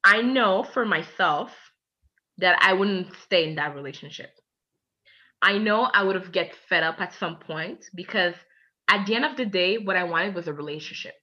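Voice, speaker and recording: Chatty and animated, a guest in her twenties from Canada shares a frank personal story, performing the dialogue as she goes. She speaks at a normal speed in a fairly low voice, with the high frequencies cut off.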